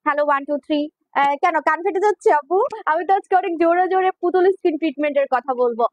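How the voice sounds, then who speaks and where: This is a woman, hosting a livestream for her skincare shop. She talks fast, playful and teasing, and speaks straight to her viewers. The sound is close and dry from a clip-on mic. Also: high voice, dry recording, dull audio. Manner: playful, teasing, chatty, addresses viewers directly. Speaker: online skincare shop owner selling on a livestream. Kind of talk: casual livestream sales talk.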